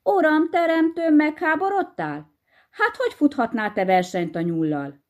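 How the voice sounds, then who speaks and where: Woman playing a shrill, fretting hedgehog wife. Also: sing-song, warm tone. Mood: dismayed. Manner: shrill, dismayed cries. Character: fussy, grumbling female hedgehog wife.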